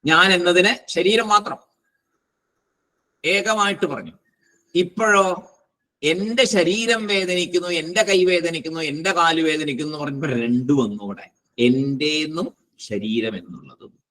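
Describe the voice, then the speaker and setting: A man teaching a philosophy class, slow and deliberate, posing rhetorical questions and answering them himself. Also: on the high side, bright, forceful tone, rough recording. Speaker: spiritual teacher. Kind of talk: Vedanta philosophy class lecture.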